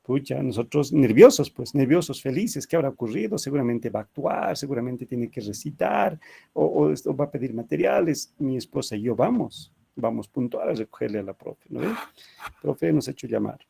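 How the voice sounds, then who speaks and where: A man's voice: mid-range voice, animated, a little fast, creaky, mellow, breathy edge. A man teaching an ethics class, telling anecdotes in a chatty way with frequent tag questions.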